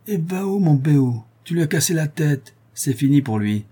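A man voicing a cunning, cool-headed craftsman in a spoken storybook, with a calm, mocking manner. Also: fairly low pitch, brisk, husky. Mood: sardonic calm. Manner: sardonic, calm.

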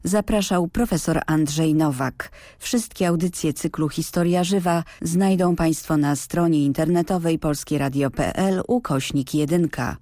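A woman's voice: low-pitched, warm tone, dry recording. Polished female radio announcer, dry studio. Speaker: radio presenter.

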